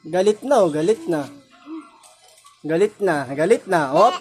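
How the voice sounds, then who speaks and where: A woman's voice: lowish voice, lively intonation, unhurried, a little mellow, breathy edge, soft background music. A young woman filming her pet at home, teasing it in playful baby talk and laughing often. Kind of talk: playful home video narration.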